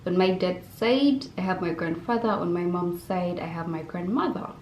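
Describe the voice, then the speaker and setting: A woman's voice: fairly low pitch, moderate pace, darkish tone. A young adult woman from Uganda, chatting expressively to viewers in a casual Q&A vlog from her bedroom. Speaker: vlogger. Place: bedroom indoors. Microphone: camera on desk facing her. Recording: roomy bedroom echo, faint hum.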